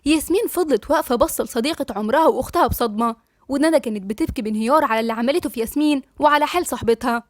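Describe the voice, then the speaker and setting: A woman narrating a story in an Egyptian Arabic accent, with a rapid, even storytelling manner. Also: sits high, no room sound, clean studio sound. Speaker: audiobook narrator.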